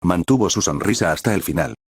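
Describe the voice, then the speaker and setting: An earnest, loyal teen fighter from a fan story, read by a man. The voice is low, flat and dry. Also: a little fast, breathy edge, no room sound, heavily acted.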